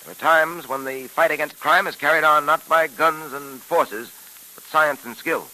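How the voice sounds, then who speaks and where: A man playing a calm, clever police detective on an old radio show, explaining things patiently and with self-assurance. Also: on the high side, normal speed, poor audio. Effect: old radio show broadcast. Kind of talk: 1940s radio acting.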